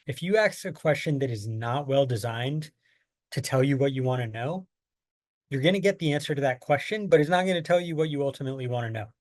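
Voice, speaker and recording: In an online training lecture, a workshop presenter from the United States teaches a lesson on survey design, patiently explaining with plain everyday examples. His voice is on the high side and a little mellow, with no room sound.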